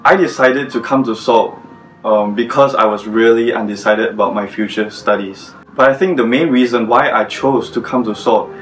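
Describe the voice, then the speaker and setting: A man's voice: mid-range voice, normal speed, a bit bright, distant mic, faint music behind, rough recording. Earnest man giving testimony. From Malaysia. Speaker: former student giving testimony. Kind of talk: personal testimony.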